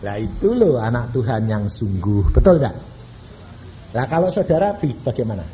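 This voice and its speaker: A man's voice: mid-range voice, sing-song, normal speed, dark tone, a little hiss or hum. A male pastor from Indonesia, preaching a sermon with dramatic swings in volume.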